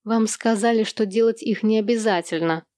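A woman's voice: a little high, moderate pace, darkish tone, dry recording, lightly acted. A sensible older sister who corrects her brother plainly and without fuss, as a woman reads her. The voice stays near the reader's own, and the recording is dry. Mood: matter-of-fact. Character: older sister Louie, matter-of-fact.

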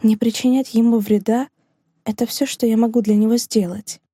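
A heartbroken woman teacher in a storybook, as a female narrator puts her on, hushed and trembling yet firm. Her voice is pitched a little higher than the reader's usual tone, mellow and dark in timbre, recorded dry and close. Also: fairly even intonation, moderate pace, husky, no echo. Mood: sorrowful, resolute. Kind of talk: audiobook dialogue reading.

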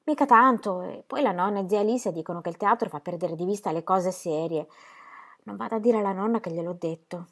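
A woman reading an audiobook, voicing a lively, chatty teenage girl who talks quickly and a little cheekily. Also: mid-range voice, close to an everyday voice.

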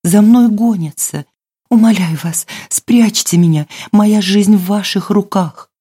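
A man's voice: sits high, a little slow, warm tone, husky, pitched above the performer's own voice. A woman voicing a frightened pleading young woman. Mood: desperate pleading. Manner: breathless urgent pleading, partly whispered.

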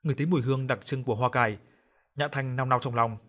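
A man narrates a horror story aloud in a measured, dramatic way. His voice sits at an ordinary middle pitch for a man, steady from line to line.

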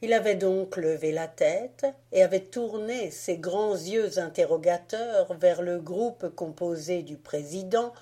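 A woman calmly reading a classic tale aloud as an audiobook narrator. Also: on the low side. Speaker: audiobook reader. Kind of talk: scripted narration.

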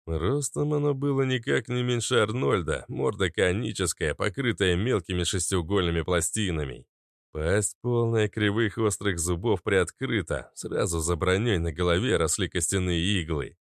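A man narrating a fantasy audiobook in an even, measured reading. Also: low voice, gravelly, no echo, clean studio sound. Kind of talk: scripted narration.

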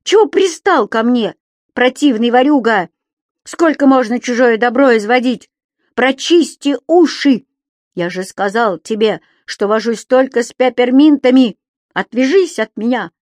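A woman voicing a cheeky, indignant little male magic creature who shouts and teases in a high, squeaky voice. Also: expressive, a little slow, no room sound, studio quality, lightly acted. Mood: indignant shouting. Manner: shouting, squeaky, singsong teasing.

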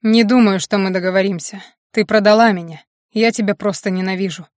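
A woman's voice: mid-range voice, fairly even intonation, fairly quick, a little mellow, no echo, studio quality, close to an everyday voice. A woman reading the lines of an angry, resentful young male werewolf bear in an audiobook, with a scornful, accusing delivery. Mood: furious.

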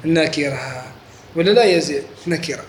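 A religious teacher with a fairly high voice speaks at normal speed during a classroom lesson, regularly pausing to ask students if they follow. The recording comes from an echoey room with faint noise.

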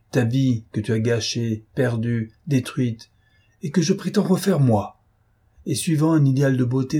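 A man's voice: mid-range voice, warm tone, husky, lightly acted. A man voicing an imperious domineering noble. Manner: emphatic, ironic, imperious. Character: commanding noble master, proud, domineering man.

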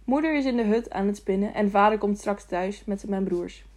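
A woman's voice: medium pitch, moderate pace, a little mellow, lightly acted. Woman putting on an eager childlike young fool. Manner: repetitive, pleading questions. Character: simple-minded young man, childlike, lonely and eager.

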